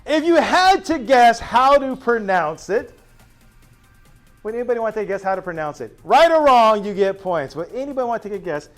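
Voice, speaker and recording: A male teacher speaks to his new class on the first day, spinning stories with drawn-out asides. His voice sits high and swings widely in pitch. Soft music plays faintly underneath. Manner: animated storytelling, drawn-out asides.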